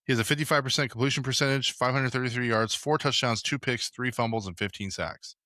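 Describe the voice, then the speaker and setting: A man's voice: mid-range voice, quick pace, bright, forceful tone, dry recording, clean studio sound. A young man hosting a casual sports podcast, talking loosely with lots of fillers and restarts. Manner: rambling, many fillers. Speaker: podcast host.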